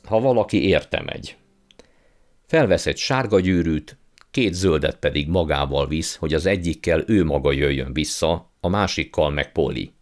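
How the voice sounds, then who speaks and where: A man's voice: extremely low pitch, expressive. A man voicing a pompous, blustering old uncle who calls himself a scientist and magician. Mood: smug. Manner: blustering, condescending, impatient.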